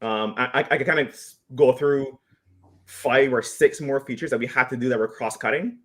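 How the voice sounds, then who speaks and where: A man on a software team chatting loosely and joking on a live video call Q&A. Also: medium pitch, moderate pace. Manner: loose, joking, many restarts. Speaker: engineering team member. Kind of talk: casual live Q&A chat.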